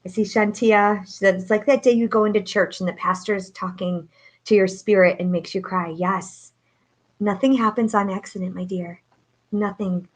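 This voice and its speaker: This woman's medium-pitched voice holds a steady tone at a moderate pace. She hosts a live online motivational talk as a coach from her home setup, not a studio, and her delivery is upbeat and preacherly, packed with fillers.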